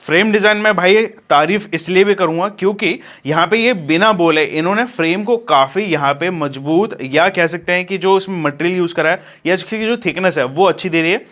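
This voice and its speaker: A man's voice: high-pitched, a little fast, few pauses, fairly bright tone. Man casually reviewing gear. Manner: casual, addresses viewers as friends, many fillers. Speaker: DJ equipment vlogger. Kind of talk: product unboxing review.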